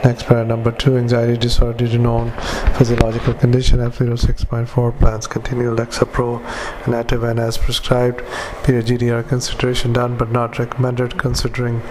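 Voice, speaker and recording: Guy doctor doing fast clipped medical dictation, routine note reading, noisy background. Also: medium pitch, completely flat delivery. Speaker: doctor, psychiatrist. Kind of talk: medical dictation with spoken punctuation.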